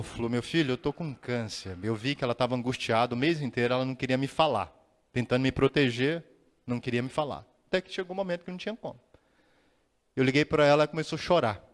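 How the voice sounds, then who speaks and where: A man's voice: a little high, a bit bright. Heartfelt man lecturing in a reverberant hall. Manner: dramatic, heartfelt telling with pauses and sudden rises. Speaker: spiritist lecturer. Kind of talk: emotional storytelling lecture.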